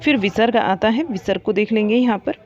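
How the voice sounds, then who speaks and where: A woman's voice: mid-range voice, brisk, a little mellow, muffled recording. A woman teaching a grammar lesson for exam preparation, asking questions and then answering them herself, and repeating the key points. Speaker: Hindi teacher.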